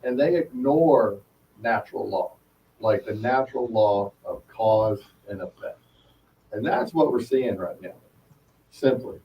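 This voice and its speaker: A man co-hosting a talk radio discussion, making an earnest argument, his voice thin and tinny with no bass. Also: expressive, measured pace. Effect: thin tinny sound with no bass, like a tin can. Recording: distant tinny mic with faint noise.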